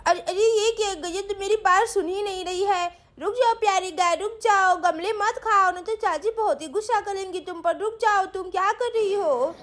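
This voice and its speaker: A woman's voice: extremely high pitch, moderate pace, few pauses, slight background noise. Woman doing a sweet chirpy village girl. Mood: coaxing. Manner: coaxing, pleading and sing-song. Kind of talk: doll story voice acting.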